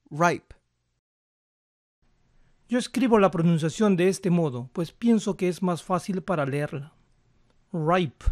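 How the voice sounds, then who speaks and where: A man calmly explaining English pronunciation step by step as a language teacher, slowing down to model words. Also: high-pitched, no echo, studio quality. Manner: calm, methodical, slows down to model words.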